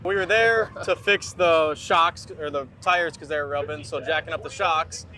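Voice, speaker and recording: A man in casual on-camera chat, tired and matter-of-fact. His voice sits slightly high, and the noisy outdoor recording carries clear background noise. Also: normal speed, bright, forceful tone. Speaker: race team driver.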